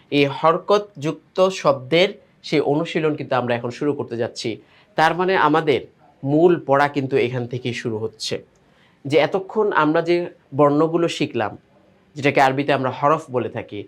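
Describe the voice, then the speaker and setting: A man teaching a reading lesson, spelling out syllables one by one in a rhythmic sing-song chant before joining them into words. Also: on the high side.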